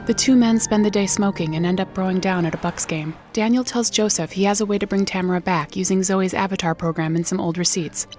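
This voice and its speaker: A woman narrates a scripted TV recap with a slightly low voice. She is flippant and slangy, delivering it as comedy, with music clearly playing behind her. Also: brisk, few pauses, a little mellow. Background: music bed.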